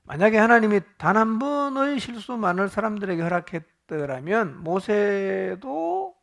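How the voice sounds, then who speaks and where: Male pastor, fairly high voice; interactive Bible study sermon, asks the room questions and jokes. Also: vocal fry.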